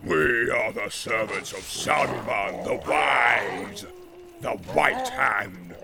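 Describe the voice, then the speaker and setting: A man voicing a brutal, boastful male orc captain who barks orders in a deep growl. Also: lively intonation, creaky, over a noisy crowd, exaggerated voice. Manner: barking slow blunt orders.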